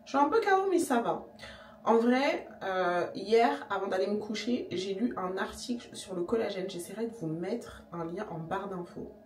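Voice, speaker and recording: A young woman chatting casually to camera in her vlog, slangy and relaxed, sometimes talking with her mouth full. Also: medium pitch, unhurried, slight background noise. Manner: chatty, slangy, talks while eating. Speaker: vlogger. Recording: echoey room, voice a bit distant.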